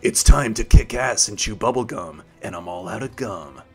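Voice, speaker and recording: A man voicing a cocky, wisecracking male video game hero with a low gruff swagger. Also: lively intonation, normal speed, soft background music.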